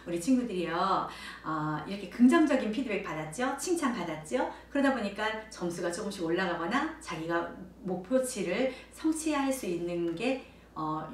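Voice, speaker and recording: A woman explains child discipline with an animated, swooping delivery and acts out bright exclamations to children. She sits a little back from the mic in an echoey room, with a faint hiss of noise behind her. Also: mid-range voice, recorded from a distance. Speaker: center director giving parenting advice. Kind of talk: parenting talk to camera.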